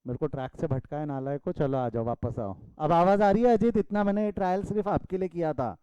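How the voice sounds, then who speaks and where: A man from India teaches a commerce class online, his voice pitched high for a man yet mellow and smooth. The sound is close and dry, with no room in it. He mixes into his teaching and teases his students in a fatherly way. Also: brisk, dry recording, muffled recording. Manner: addresses students as beta, scolds playfully. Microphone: video call.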